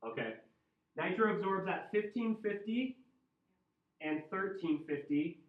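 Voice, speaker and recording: A man's voice: high-pitched, measured pace. A man with a Midwestern American accent teaching a chemistry class, conversational and joking, asking the students questions. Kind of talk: classroom lecture. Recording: roomy, distant and dull classroom sound.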